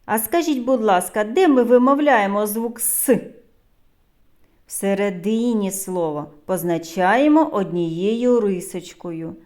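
A woman with a Ukrainian accent, a preschool teacher giving a phonics lesson to young children in a slow, clear, sing-song voice. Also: medium pitch, lively intonation, a little mellow.

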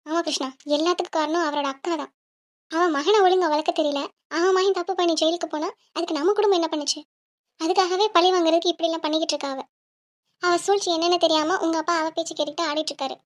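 A fierce, commanding cartoon mother, voiced by a woman, with an extremely high, piping voice. She scolds and reassures in the same breath, always in charge and protective of her family. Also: steady tone, fast. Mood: angry. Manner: commanding, scolding, sure of herself. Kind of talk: cartoon voice acting.

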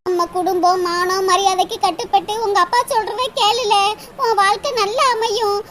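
A woman's voice: extremely high pitch, flat delivery, moderate pace. A woman voicing an anxious middle-aged mother in a cartoon, pleading and scolding her son. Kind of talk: cartoon voice acting. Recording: loud background noise.

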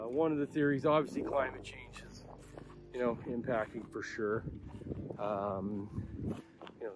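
A young adult man, a wildlife photographer, talking casually while hiking outdoors in open grassland, with a relaxed, halting delivery full of fillers. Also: medium pitch, slight background noise.

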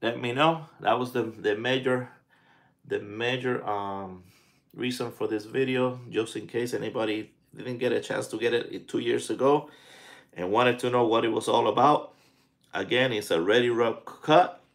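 A man in his forties hosting a casual live chat, talking in a halting way as he thinks aloud. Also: mid-range voice, vocal fry. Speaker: pipe tobacco vlogger and live stream host. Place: small indoor room at home.

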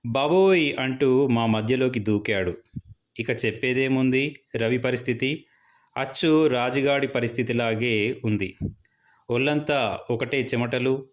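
A young man telling his own ghost story to listeners, building suspense line by line. His voice sits at an ordinary middle pitch, and his delivery stays steady and unhurried. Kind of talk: first-person ghost story narration.

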